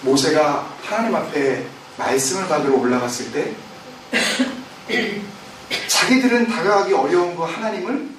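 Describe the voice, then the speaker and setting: A pastor delivering a sermon, questioning his congregation and acting out the voices of complainers. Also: slight background noise. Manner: preaching with rhetorical questions to the congregation; acts out quoted complaints with raised pitch. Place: church sanctuary. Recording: very echoey room, voice from a distance.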